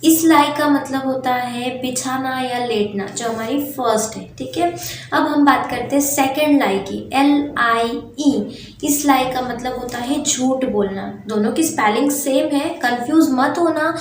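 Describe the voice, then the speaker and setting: Young female tutor with a high voice, recorded in an echoey room, patient and repetitive. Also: slight background noise. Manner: patient, repeats each meaning, tags lines with "theek hai". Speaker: English teacher on her channel. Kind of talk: casual Hindi lesson on English words.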